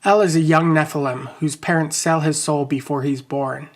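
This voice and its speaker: Male podcast host, chatty sign-off, then a plain, steady reading from his own book. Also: a little high, normal speed. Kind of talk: casual chat and reading from his novel.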